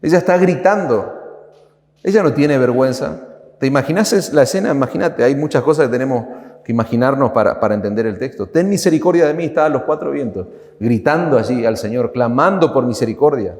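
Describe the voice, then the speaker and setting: Argentine pastor preaching in a reverberant church. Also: male voice, medium pitch, animated, fairly quick, a little mellow. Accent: Argentine Spanish. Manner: emphatic preaching, repeats phrases for stress. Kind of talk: sermon. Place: church sanctuary.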